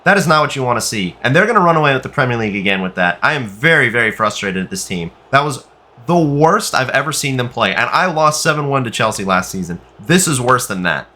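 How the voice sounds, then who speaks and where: A young man giving live, frustrated commentary over a football video game, often shouting at his players. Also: mid-range voice, big pitch swings, fast talker. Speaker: gaming YouTuber.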